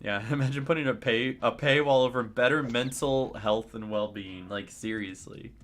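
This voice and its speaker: A man's voice: mid-range voice, moderate pace, fairly bright tone. A man in his late twenties streaming a game, chatting casually, ranting with sarcasm as he answers chat. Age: late 20s. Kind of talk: casual livestream chat while playing a game.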